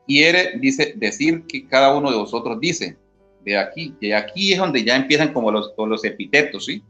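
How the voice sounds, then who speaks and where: His voice is medium-pitched, pushed and bright, animated yet at normal speed. This Colombian former church member, appearing as an interview guest, teaches through Bible passages, reading scripture aloud and frequently checking in with "¿sí?", on a dull lo-fi recording with faint guitar music.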